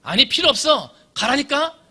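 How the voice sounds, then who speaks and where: A man voicing an angry young male prisoner who shouts and refuses all help, acted out inside a sermon. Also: very high voice, big pitch swings, normal speed, voice pushed up, full character voice. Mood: furious. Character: desperate young male convict, angry and bitter.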